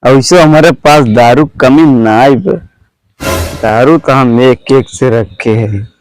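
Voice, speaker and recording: A man's voice: medium pitch, over music, low-quality recording. A man playing a swaggering, maudlin village drunk in a comedy sketch, rambling drunkenly with an Awadhi accent from eastern Uttar Pradesh. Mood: coaxing, annoyed. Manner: drunken, rambling, drawn-out town drunk talk.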